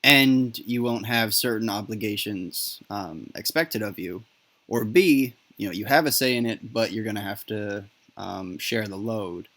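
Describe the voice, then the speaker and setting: A man hosting a casual discussion, talking haltingly with many fillers and restarts, in a poor recording with popping. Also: lowish voice, fairly bright tone. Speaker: podcast host.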